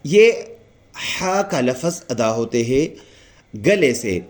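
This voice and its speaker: A man with a Pakistani Urdu accent giving a patient recitation lesson, explaining each letter and repeating it slowly and drawn out. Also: medium pitch, expressive. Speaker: Quran recitation teacher.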